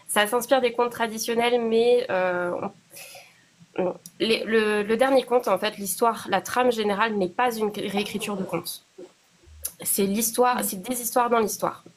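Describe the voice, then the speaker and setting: Woman, guest author, interview, hesitant, halting, pausing, mid-pitched voice. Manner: hesitant, halting, many pauses. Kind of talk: interview answers.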